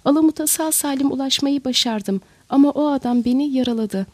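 A drugged young assassin stammers through a false greeting, read out by a woman narrator. The voice is high and dry, close to the mic. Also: brisk, darkish tone, no echo, close to an everyday voice. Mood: stammering.

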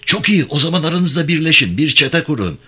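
A man playing an urgent, hushed young gendarme. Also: a little high, big pitch swings, a little fast, husky, voice pushed up, exaggerated voice. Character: secretly rebellious male gendarme, urgent and earnest.

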